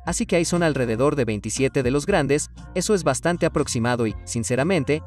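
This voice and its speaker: A man's voice: medium pitch, expressive, fairly quick, distant mic, faint music behind. A young man giving an upbeat, casual tour of the converted shuttle bus he lives in.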